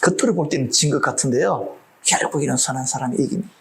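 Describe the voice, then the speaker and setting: A man's voice: mid-range voice, fast, gravelly. A middle-aged man preaching a sermon as pastor, humorous and full of rhetorical questions.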